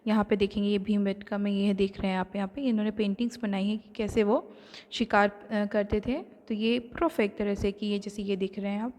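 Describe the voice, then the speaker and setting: A woman teacher with an Indian accent, recorded in a room with a long, lingering reverb. She reads English lines slowly and deliberately, then switches to easy Hindi explanation with frequent fillers. Her pitch sits in a middle range. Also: level tone, darkish tone. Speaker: online class teacher. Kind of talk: recorded lesson explaining a textbook.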